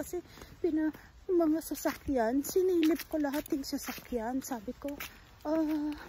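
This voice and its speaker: A middle-aged woman telling a personal story in a casual vlog, halting and hesitant with many pauses, switching languages mid-sentence. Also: high voice. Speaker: vlogger. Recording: steady background noise.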